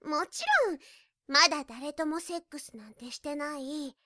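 A woman's voice: high-pitched, moderate pace, sharp tone, no room sound, studio quality. A woman voicing a domineering younger sister in an audio drama, speaking in a mocking, commanding tone. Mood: teasing. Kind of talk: audio drama role-play.

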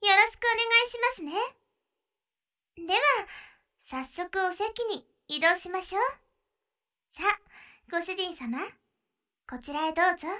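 A woman voicing a sweet, attentive young maid in an ASMR roleplay, speaking with polite honorifics and gently guiding her master. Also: extremely high pitch, lively intonation, a little slow, pauses often, full character voice. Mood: cheerful, welcoming. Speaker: maid café maid.

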